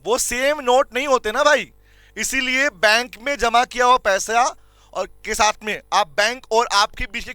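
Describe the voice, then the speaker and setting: A man's voice: high-pitched, sharp tone, smooth, dry recording. A middle-aged man with an Indian accent giving a classroom lecture as a commerce law teacher, repeating key points and quizzing students with questions. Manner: calls students "beta" and "bhaiya" fondly.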